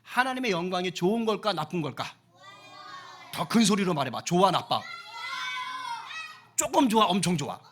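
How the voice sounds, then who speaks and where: Playful pastor guy doing a kids sermon, high bright voice, asks the kids stuff and teases em. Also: very animated, moderate pace, pauses often, a little hiss or hum. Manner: playful, questions and teases the children. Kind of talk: children's sermon.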